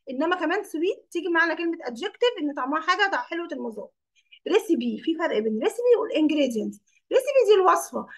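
A woman's voice: high-pitched, gravelly, fairly bright tone. A woman English teacher with an Egyptian Arabic accent, explaining English vocabulary in Arabic and quizzing her pupils by name. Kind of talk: classroom lesson.

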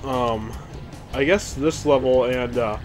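A man's voice: mid-range voice, slow pace. A young man giving casual, tired, spaced-out game commentary in a laid-back, rambling way. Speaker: gaming video host. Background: video game music and effects.

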